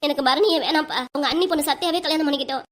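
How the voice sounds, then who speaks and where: A woman's voice: sits high, heavy background noise, natural voice. A woman voicing a stubborn but devoted young daughter in a cartoon, insisting in a southern Tamil dialect. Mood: insistent. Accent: Tamil, southern Tamil Nadu dialect. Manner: insistent, emotional, rapid.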